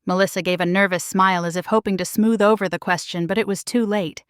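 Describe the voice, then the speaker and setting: A woman narrating a dramatic first-person story in a measured, emotional way. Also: mid-range voice, fairly even intonation, smooth, no room sound, studio quality.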